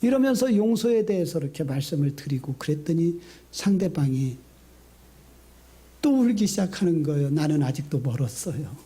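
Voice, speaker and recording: High-voiced, animated male pastor preaching. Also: moderate pace. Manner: lively storytelling, acting out quotes; sudden swings between high excited and low hushed delivery. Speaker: senior pastor. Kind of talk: sermon.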